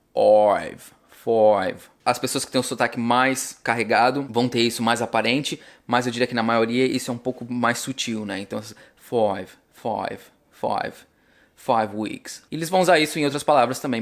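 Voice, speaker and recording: A man with a Brazilian Portuguese accent, chatting casually as a vlogger and repeating sample words slowly to explain them. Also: medium pitch, fairly even intonation, a bit bright. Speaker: vlogger teaching English.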